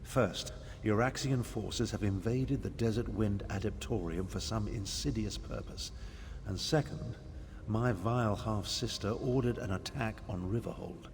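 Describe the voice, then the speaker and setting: A pompous noble mage in a fantasy video game. His voice is gravelly, measured and drily resigned. It rings in a long reverb with faint noise behind it. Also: lowish voice, a little mellow. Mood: wry, composed.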